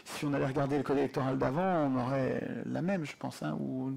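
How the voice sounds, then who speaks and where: A man speaking at a public conference debate into a handheld mic in a lecture hall, animated and insistent. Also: medium pitch, fairly quick, vocal fry.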